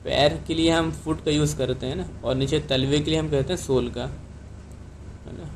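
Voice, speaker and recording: Indian man teaching English phrases slowly. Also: a little high, fairly even intonation, a little hiss or hum. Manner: explains in Hindi, repeats each English sentence slowly. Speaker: English teacher and channel host. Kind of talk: Hindi-medium English lesson, reading phrases slowly twice.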